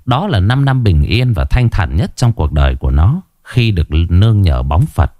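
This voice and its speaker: A man narrating a story in an unhurried, expressive way. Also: deep voice, no echo, studio quality.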